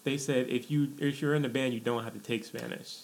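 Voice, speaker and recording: A young man hosting a casual podcast chat, telling stories in a relaxed way with frequent laughs. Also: medium pitch, fairly quick, vocal fry. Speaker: podcast host.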